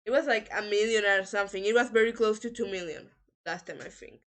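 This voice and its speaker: Upbeat woman host of a casual live podcast, quick to laugh and cheer her guest on. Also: medium pitch. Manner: enthusiastic, laughs often, encouraging. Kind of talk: casual livestream podcast interview.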